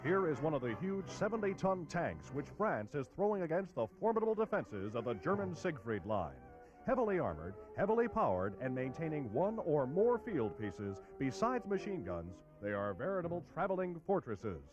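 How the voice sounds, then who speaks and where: A man's voice: fairly high pitch, very animated, normal speed. A man narrating an old newsreel in a dramatic, declamatory style. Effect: old newsreel sound. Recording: dull lo-fi film audio with music. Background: music.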